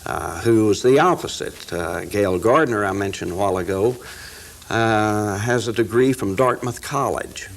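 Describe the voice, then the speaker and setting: A man from the United States talks as an expert guest in an interview, telling things in a folksy, deliberate way. His voice is low and full of gravel, over faint background noise. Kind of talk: informal interview talk with recited verse.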